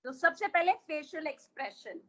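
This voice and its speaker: A woman's voice: sits high, expressive, normal speed, rough recording. A woman coach with an Indian accent teaching an online workshop, explaining patiently and asking the listeners questions.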